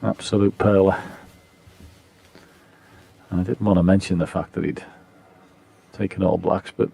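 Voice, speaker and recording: A man commentates on snooker in a low, hushed voice with a gravelly creak. He speaks in measured, understated short phrases, very close and dry. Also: level tone, no room sound.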